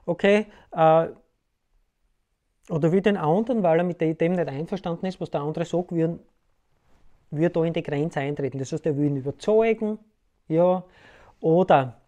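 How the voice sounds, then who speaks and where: A man's voice: on the high side, mellow. A man, explaining ideas casually to the viewer in a loose, rambling way and often checking in with "ja?". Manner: keeps asking "ja?" to check in with the listener. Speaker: self-help video host. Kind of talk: casual explanatory talk to camera.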